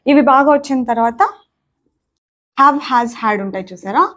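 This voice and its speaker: A woman's voice: on the high side, unhurried, a bit bright. A young woman teaching grammar in a spoken lesson on her words, repeating points and often checking in with "okay?". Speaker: English teacher.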